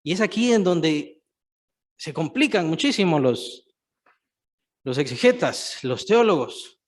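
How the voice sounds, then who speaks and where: A man's voice: fairly high pitch, lively intonation, slow pace. A man preaching a sermon, stressing points by repeating phrases and putting questions to the listeners.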